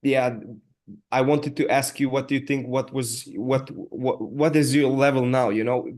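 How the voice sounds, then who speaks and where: A man from Serbia with a Serbian accent, hosting a casual podcast interview in halting speech full of restarts. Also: medium pitch, steady tone, a little mellow. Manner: halting, many restarts and fillers. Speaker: podcast host.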